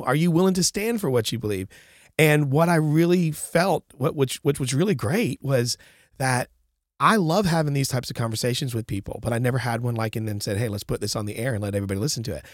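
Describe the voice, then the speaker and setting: Here a male podcast host with a stuffy, nasal voice banters on a co-hosted show, stressing his points and circling back to repeat them. He speaks in a mid-range voice with lively intonation and a brisk pace. The sound is clean studio audio, free of echo.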